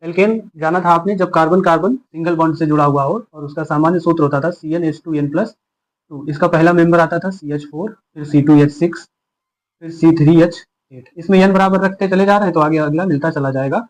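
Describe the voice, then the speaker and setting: A man's voice: on the high side, steady tone, brisk, rough recording. A man teaching a chemistry lesson. He explains patiently, asking questions and answering them himself. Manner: patient, asks and answers his own questions.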